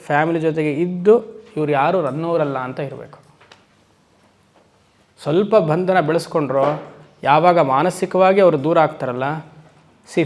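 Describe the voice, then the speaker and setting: A swami teaching Vedanta to a class. He keeps putting questions to his listeners and slows down for emphatic English phrases. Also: fairly high pitch, a little mellow. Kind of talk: spiritual lecture to a class. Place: lecture hall.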